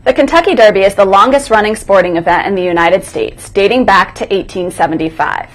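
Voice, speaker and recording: A woman's voice: mid-range voice, brisk, rough recording. Woman reading school morning announcements. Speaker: school morning broadcast co-host. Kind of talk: scripted announcements, read aloud. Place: school broadcast.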